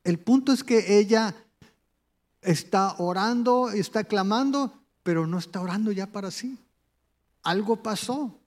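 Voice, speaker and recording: A man's voice: sits high, darkish tone. A man preaching a sermon in a conversational way, turning to the listener with direct questions. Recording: long hall reverb.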